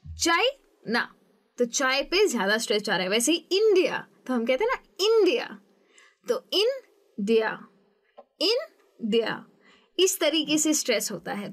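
Woman, English teacher, patient explaining, slow example words, fairly high voice. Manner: patient, explains step by step, models words slowly. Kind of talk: spoken English lesson.

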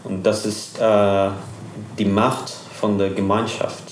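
A young man from Iran with a Persian accent, speaking German haltingly as an interview guest, searching for words with many fillers. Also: fairly low pitch, level tone, roomy sound, slight background noise.

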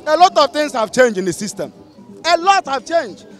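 A man's voice: very high-pitched, sing-song, normal speed, a bit bright, soft background music. A middle-aged man with a Nigerian accent speaking indignantly in a street interview, firing off rhetorical questions. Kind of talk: heated street opinion. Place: busy city street outdoors. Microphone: handheld mic held by interviewer.

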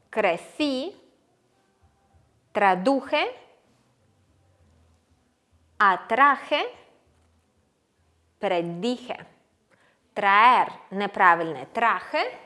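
A woman teaching a language lesson, slowly and clearly drilling verb forms one by one. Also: fairly high pitch, sharp tone. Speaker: Spanish teacher. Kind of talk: online grammar lesson.

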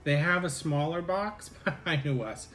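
A man's voice: on the high side, normal speed, a bit bright. A man hosting a casual snack unboxing, chatting candidly about the cost of the box. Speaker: channel host.

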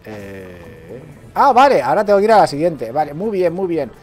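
A Spanish man with a Valencian accent giving casual, joking commentary as he plays a game, shouting and yelping when things go wrong. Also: on the high side, big pitch swings, normal speed, soft background music. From Spain. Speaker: gaming streamer.

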